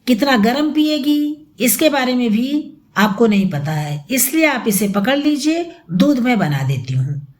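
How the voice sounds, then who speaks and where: A woman voicing a bitter young mother who shouts hateful accusations at her stepmother. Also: fairly high pitch, sing-song, a little slow. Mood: brisk.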